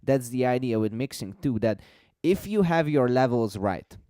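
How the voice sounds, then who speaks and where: Male host for a casual live stream: mid-pitched, smooth and clear, dry close sound, patient explainer who hammers points by repetition. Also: lively intonation, normal speed, mellow, no room sound. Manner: explanatory, repeats words for emphasis. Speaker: host explaining music mixing.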